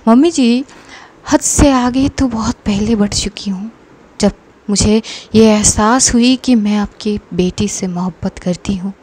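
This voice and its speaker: A woman's voice: medium pitch, a little slow, darkish tone, close to an everyday voice. A woman voicing a bold, teasing young woman in love, talking back with playful defiance in a narrated story. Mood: cheeky. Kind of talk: narrated story with acted dialogue.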